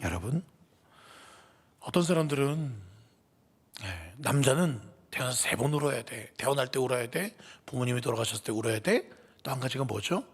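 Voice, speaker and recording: A male pastor delivers an emotional sermon in a church sanctuary. His voice is gravelly and husky, rising and falling in a very lively pitch. He shifts from loud outbursts to whispers, and a long church-hall reverb trails each phrase. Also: normal speed.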